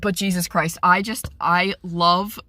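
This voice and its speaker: A young woman talks straight to her vlog audience in a loose, rambling way, her feelings running close to the surface. She keeps starting over and cutting herself off. Her voice sits a little low, and the sound is dry and close. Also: fairly even intonation, measured pace, bright, forceful tone, no room sound. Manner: rambling, emotional, self-interrupting. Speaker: vlogger. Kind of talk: casual vlog monologue.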